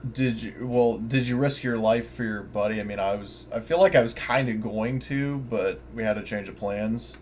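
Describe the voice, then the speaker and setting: Over a noisy voice call, a man chats casually as a player in a tabletop role-playing session, sounding tentative and often double-checking details. His mid-range voice has a darkish tone, and he talks at normal speed with hardly any pauses.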